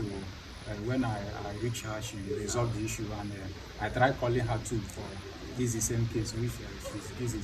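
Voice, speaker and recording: A man with a Nigerian accent giving a halting, hesitant account, repeating words as he goes, recorded noisily from a distance. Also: fairly low pitch. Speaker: client seeking help. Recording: noisy, distant mic.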